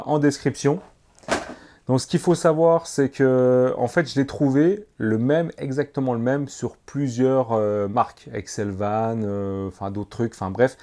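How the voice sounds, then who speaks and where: A motorcycle vlogger reviews gear to camera in a casual, slangy way, talking to the viewer like a friend. His voice is mid-range with a darkish tone, and his manner stays informal and familiar throughout.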